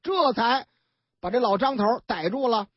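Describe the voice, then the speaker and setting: A woman's voice: on the high side, animated, moderate pace, husky, no echo, dull audio. A woman retelling news stories in a chatty, colloquial broadcast storytelling style.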